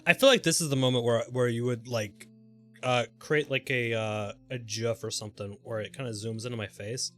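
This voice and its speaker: A man livestreams a video game with casual, playful commentary, swearing offhandedly and throwing in goofy vocal asides. His mid-range voice is a bit bright, with fairly even intonation at normal speed. Faint music plays behind him.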